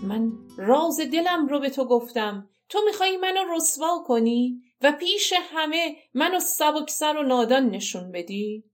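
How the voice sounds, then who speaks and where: A woman voicing a scheming, threatening queen in a told legend, with soft guitar music behind. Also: sits high, lively intonation, hardly any pauses. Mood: indignant.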